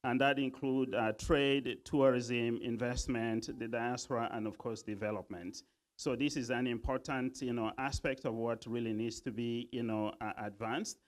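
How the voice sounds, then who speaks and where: A man from Uganda giving a formal speech at a business convention, pausing often with many fillers. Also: medium pitch, fairly even intonation. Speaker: convention speaker.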